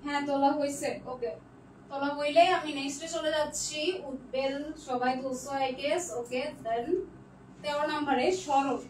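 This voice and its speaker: A woman's voice: high voice, flat delivery, moderate pace, darkish tone. A young woman teaching a live online class. She reads out student comments and patiently checks their answers one by one, dropping in English words. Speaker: online tutor. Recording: echoey room, distant mic, faint noise.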